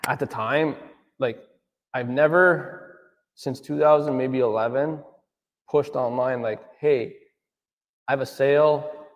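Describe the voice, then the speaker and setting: Speaking slowly and steadily in a mid-range voice, a thirtysomething man who owns an auto detailing business rambles through a relaxed interview. He leans heavily on fillers and keeps tossing in "right?", and the sound has a big-room quality.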